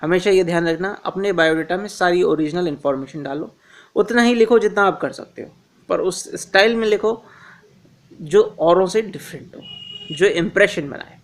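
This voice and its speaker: Male presenter, high-pitched, chatty advice monologue to viewers, hesitant fillers, repeats key points. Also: moderate pace. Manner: addresses listeners as friends, frequent "uh" fillers; instructive, repeats key reminders. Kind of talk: informal advice talk to viewers.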